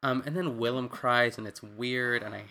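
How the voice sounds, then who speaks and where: A man co-hosting a casual recap chat, expressive and chatty, acting out quotes and swearing casually. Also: mid-range voice, normal speed, gravelly. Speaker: podcast co-host.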